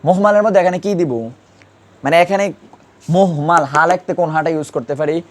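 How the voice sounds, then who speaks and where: With a fairly high pitch and normal speed, a male teacher runs an Urdu grammar lesson, quizzing students through repeated questions.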